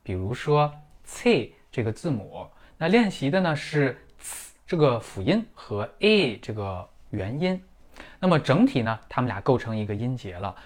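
A middle-aged man gives a pronunciation lesson and walks through each point step by step. His pitch rises and falls a lot as he stresses ideas. He is a native Chinese speaker with a steady, mid-range voice. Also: normal speed. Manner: explanatory, clear and methodical, with vivid comparisons. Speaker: German pronunciation teacher. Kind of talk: scripted lesson in Mandarin.

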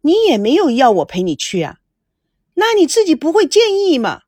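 A woman voicing a sharp-tongued, jealous young wife who needles and teases in a radio story. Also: high voice, huge pitch swings, moderate pace, dry recording, studio quality, voice pushed up. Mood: needling. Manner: teasing, needling.

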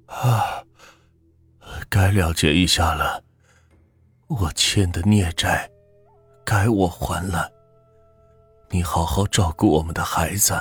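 Man doing a haunted husband, low hushed voice, husky, close and dry. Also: no room sound, faint music behind, heavily acted. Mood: resigned. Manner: low, slow, hushed and heavy. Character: guilt-ridden middle-aged husband, broken and resigned.

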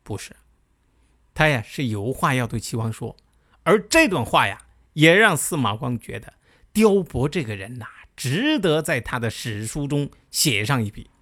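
A man telling a history story in a lively, colloquial way, full of chatty asides. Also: medium pitch, moderate pace.

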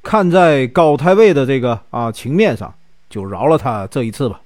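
A man's voice: medium pitch, lively intonation, normal speed, darkish tone, no room sound, studio quality, voice pushed down, close to an everyday voice. A man with a Northeastern Mandarin accent voicing a restrained, dutiful male officer who talks others down. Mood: placating.

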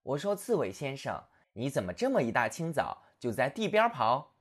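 A man's voice: medium pitch, sing-song, normal speed. A man doing a haughty, boastful hare. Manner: haughty, sneering. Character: arrogant male hare, vain self-styled gentleman. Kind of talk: storybook narration.

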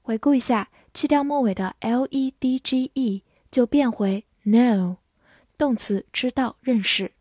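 A woman teaching English vocabulary, spelling words letter by letter and repeating example sentences slowly. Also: on the high side, darkish tone, dry recording, studio quality. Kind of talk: slow, clear vocabulary lesson.

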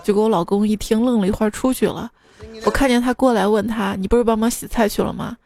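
Playfully teasing her audience, a female host works through amusing listener stories as light comic storytelling. She speaks quickly at a medium pitch, her tone steady and a touch mellow, over background music.

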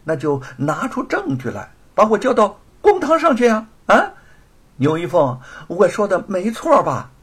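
A man voicing a scheming, sharp-tongued woman villain in a storytelling performance, with a husky voice. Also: huge pitch swings, a little slow, exaggerated voice. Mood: sneering. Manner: mocking, shrill, then cowering.

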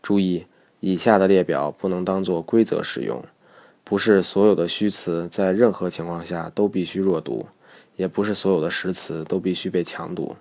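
A man narrating a recorded lesson on English pronunciation in a measured, methodical way. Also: low-pitched, fairly even intonation, creaky, darkish tone.

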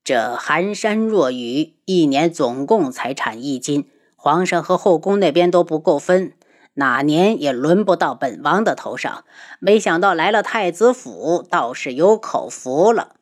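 A woman voicing a genial older male prince in an audiobook, speaking low, slow and relaxed. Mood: admiring. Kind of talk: audiobook character voice.

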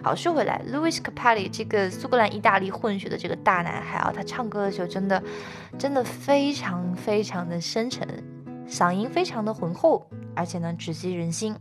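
A singing teacher gives an online lesson in a chatty, encouraging way, often stopping to sing lines slowly for the learner. Her medium-pitched voice is animated and heard over music.

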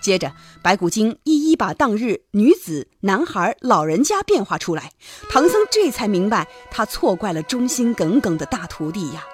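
A woman narrating a children's story in an expressive, lively way. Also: medium pitch, moderate pace, soft background music.

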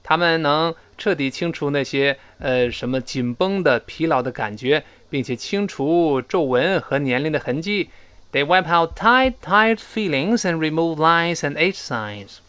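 A middle-aged man teaching spoken English in Mandarin, explaining phrases and slowly modeling pronunciation. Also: a little high, expressive, fairly bright tone, clear, resonant tone, dry recording.

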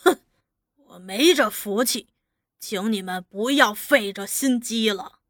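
A woman's voice: fairly high pitch, slow, a bit bright, no room sound, studio quality. A woman voicing a stubborn old peasant man who answers curtly and scornfully. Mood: defiant. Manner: curt, scornful, unyielding.

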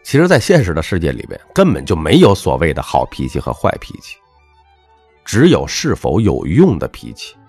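Deep-voiced man lecturing emphatically. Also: huge pitch swings, normal speed, a little mellow, slightly rough, faint music behind. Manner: emphatic, lecturing, swings between punchy highs and dropped low endings. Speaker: self-help speaker. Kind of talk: motivational monologue with personal anecdote.

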